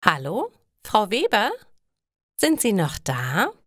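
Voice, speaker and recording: A woman's voice: mid-range voice, huge pitch swings, takes it slowly, no echo, voice pushed up, exaggerated voice. Woman voicing a young female order-taker, polite, accommodating, dry sound. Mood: apologetic.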